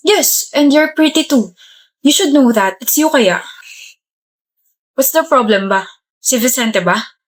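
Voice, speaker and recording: A woman voicing a gentle, soft-spoken young college man in a comedy skit, speaking slowly and softly. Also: sits high, animated, exaggerated voice.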